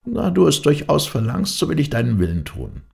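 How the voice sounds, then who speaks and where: A man's voice: on the high side, huge pitch swings, brisk, creaky, darkish tone, pitched above the performer's own voice, heavily acted. A man voicing a stern, solemn dervish who is wise and unyielding, with a reproachful manner, in an audiobook fairy-tale reading. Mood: resigned.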